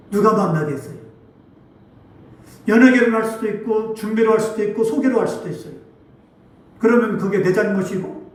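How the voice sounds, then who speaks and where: A male pastor preaching a sermon in a church, pressing points with rhetorical questions and sudden bursts of loudness. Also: high voice. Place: church sanctuary. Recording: very echoey hall, voice from far off.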